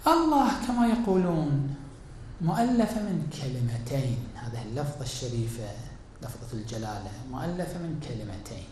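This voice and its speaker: A man, a cleric, giving a deliberate religious lecture, asking and answering his own questions, his voice rising to emphatic peaks and dropping to hushed asides. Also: mid-range voice, very animated, a little hiss or hum. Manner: swings between raised emphatic and hushed tones. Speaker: cleric teaching Quran exegesis. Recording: very echoey hall.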